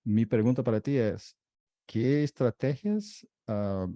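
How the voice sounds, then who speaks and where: A man from Brazil with a Brazilian Portuguese accent in his Spanish, talking casually on a panel in halting, hesitant phrases. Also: medium pitch, dark tone, dry recording, clean studio sound. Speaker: interpreter and panel co-host.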